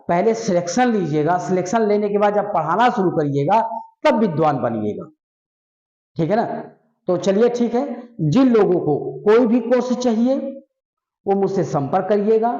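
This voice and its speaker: Male coaching teacher, high voice, casual and direct, keeps checking in with students; roomy, muffled recording. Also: lively intonation, moderate pace, darkish tone. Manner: repeats "ठीक है ना" as a check-in, coaxing and direct. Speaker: English exam coaching teacher. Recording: echoey room, dull lo-fi sound.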